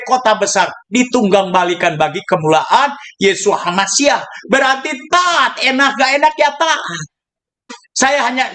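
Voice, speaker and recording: Animated, high-pitched man preaching. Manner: animated storytelling preacher, mixing in English words. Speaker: pastor. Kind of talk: sermon.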